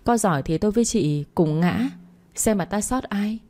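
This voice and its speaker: A woman's voice: mid-range voice, lively intonation, normal speed, warm tone, natural voice. A woman voicing a spiteful, scheming young mistress who taunts her rival in a storybook reading. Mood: sneering. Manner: taunting, sneering.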